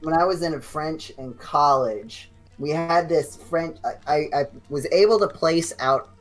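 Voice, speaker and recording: On a game night stream, a young man chats casually with his friends, his voice a little high and his pace a little slow. Faint music sits underneath as he tells animated, meandering stories, restarting again and again.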